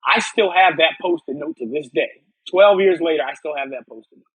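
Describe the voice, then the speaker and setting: A man's voice: fairly high pitch, a little fast, fairly bright tone, breathy edge, dry recording, poor audio. A man from upstate New York, a podcast guest telling his personal story earnestly, often restarting and repeating words.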